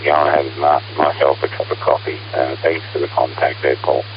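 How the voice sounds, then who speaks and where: A man from Australia on an amateur radio contact, talking in an unhurried, hesitant way with many fillers, heard over a fading shortwave signal. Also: extremely low pitch, level tone. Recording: noisy, muffled radio receiver.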